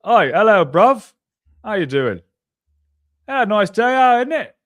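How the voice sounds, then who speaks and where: A cheery bloke chirping in an over-the-top mock British accent, as a man puts him on. His pitch jumps way up and swoops in a singsong lilt, loud and bouncy. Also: very animated, unhurried, full character voice.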